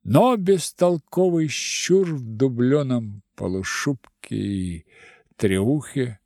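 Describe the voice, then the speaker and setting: A man narrating a literary audiobook in a measured, expressive way. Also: medium pitch, creaky, no echo, studio quality.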